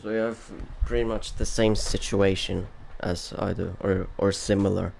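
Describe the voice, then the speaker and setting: His low, creaky voice keeps fairly even intonation at normal speed, with a little hiss or hum in the background. The young man is from Poland, speaks with a Polish-Finnish accent, and commentates for a racing league. Tired after no sleep, he rambles casually on a voice call before a race, laughing often and trailing off softly.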